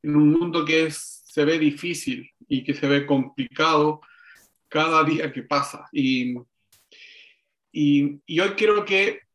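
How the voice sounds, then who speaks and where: A man preaching a sermon, slow and reflective, with frequent pauses and restarts, for an online service. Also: on the high side. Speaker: pastor.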